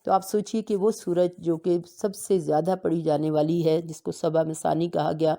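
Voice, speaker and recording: A woman teaching Quran recitation in a lowish, mellow voice. She explains at a steady pace and slows down to recite the Arabic verses with care. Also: vocal fry. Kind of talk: religious lesson.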